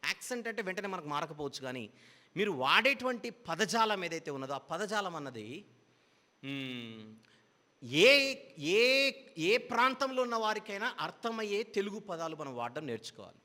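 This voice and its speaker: Bright-voiced male preacher in a hall. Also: high-pitched, very animated, moderate pace. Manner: explains patiently with repeated parallel phrases. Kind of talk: Bible teaching sermon.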